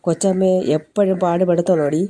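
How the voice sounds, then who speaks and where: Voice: mid-range voice, little pitch movement, a little fast, warm tone, voice pushed up, natural voice. A reader voicing a blunt scolding old mother. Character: blunt sharp-tongued older mother.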